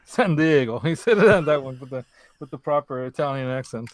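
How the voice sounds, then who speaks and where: A man's voice: mid-range voice, expressive, fairly quick, dry recording. A man hosting a casual show from his home workshop, chatting and joking while he works, laughing often and thinking aloud. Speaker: host. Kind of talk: casual chat while working on a guitar. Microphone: desk mic close by.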